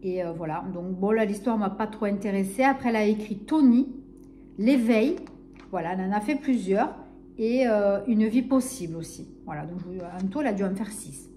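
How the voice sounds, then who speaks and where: A woman's voice: medium pitch, moderate pace, slight background noise. A woman from Narbonne with a southern French accent, chatting casually and rambling a little in a book vlog. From Narbonne, southern France. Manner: chatty, rambling, warm enthusiasm. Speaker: book vlogger.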